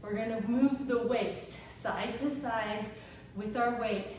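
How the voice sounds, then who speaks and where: A woman's voice: on the high side, slow, darkish tone. A woman leading a workout as an aerobics instructor, giving short, encouraging exercise cues. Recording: echoey room, distant mic, background noise.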